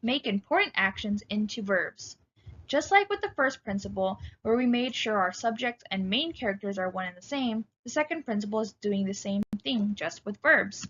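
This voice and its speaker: Female writing instructor, clear and instructive, slightly dull lo-fi recording. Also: medium pitch, lively intonation, moderate pace, fairly bright tone, slight background noise. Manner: clear, instructive, addresses students directly. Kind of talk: recorded lecture.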